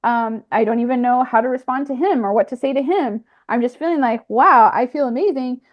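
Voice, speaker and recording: A woman talking through a personal spiritual experience in a reflective monologue, pausing and restarting often. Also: on the high side. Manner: halting, with frequent fillers and restarts. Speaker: speaker sharing a personal spiritual account. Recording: slightly muffled lo-fi recording.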